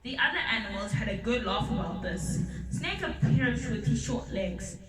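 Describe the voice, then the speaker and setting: A woman reading a children's story aloud, unhurried, with small slips and restarts. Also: a little high, animated, crowd noise. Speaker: storybook reader. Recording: roomy sound from a distant mic.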